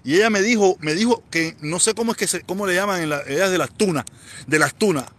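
A Havana man in his forties with a Cuban accent chats casually on a live stream, rambling, repeating himself and answering viewer comments. His high-pitched voice is fast and fairly bright.

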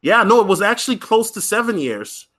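Lively high-voiced man telling a story. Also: a little fast. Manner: chatty, many fillers and restarts, frequent "right?"; lively, acts out other people's lines. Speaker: podcast host. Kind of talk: casual storytelling monologue.

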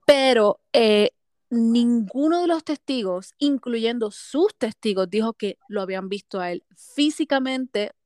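A woman's voice: a little high, animated, a little slow, a little mellow, dry recording. Chatty woman, dry sound. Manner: chatty, mixes English into Spanish. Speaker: podcast co-host. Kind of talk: casual gossip chat.

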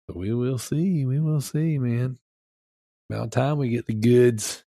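Wheezy, congested man with a gravelly creak. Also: medium pitch, a little slow, dark tone, dry recording, studio quality. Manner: enthusiastic, slangy, rambling. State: sick with strep throat, mouth-breathing. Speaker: podcast host. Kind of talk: casual chat.

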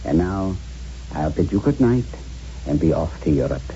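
An actor playing a genial, eccentric castle owner with a theatrical, musing manner in a radio drama. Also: male voice, sits low, expressive, normal speed, mellow. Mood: genial, mysterious. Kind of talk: 1970s radio drama acting. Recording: dull lo-fi radio recording, faint noise.

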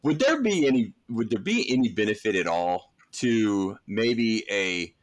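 A man's voice: on the low side, very animated, measured pace, no room sound. A man co-hosting a casual podcast, asking long, rambling questions. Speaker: podcast co-host.

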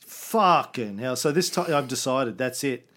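A history podcast host narrates in casual chat, swearing freely and wandering off on tangents before returning to the story. His medium-pitched voice is animated and a bit bright, running a little slow.

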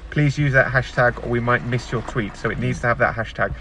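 A man's voice: medium pitch, a little fast, sharp tone, a little hiss or hum. A man hosting a casual football podcast, recorded outdoors in a car park. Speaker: podcast host. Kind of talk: casual sports podcast chat.

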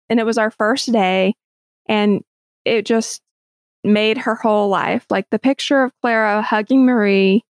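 A woman's voice: medium pitch, dry recording. A woman in her thirties hosting a casual chat, upbeat and chatty, laughing easily as she talks. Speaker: host.

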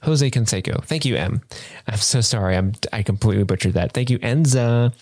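A man's voice: mid-range voice, brisk, darkish tone, dry recording, studio quality. A man co-hosting a casual podcast, playful and sing-songy, stumbling and joking as he reads out supporter names. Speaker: podcast co-host. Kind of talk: casual podcast chat and patron shoutouts.

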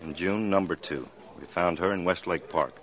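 An actor playing a tired police detective in a 1940s radio drama, laying out the facts in a plain, matter-of-fact way. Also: male voice, sits low, normal speed, a bit bright, low-quality recording. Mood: weary.

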